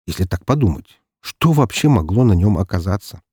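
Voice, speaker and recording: Male audiobook narrator, first person, dryly ironic, warm mellow tone, lively intonation, dry close recording. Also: sits low, brisk, husky, no echo.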